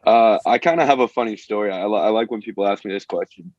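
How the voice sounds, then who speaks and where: A man's voice: on the low side, fast, darkish tone, no room sound. A young man from Maine, a college baseball player answering interview questions hesitantly, with many fillers and restarts, on a dull lo-fi recording. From Maine, USA. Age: young adult. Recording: dull lo-fi audio.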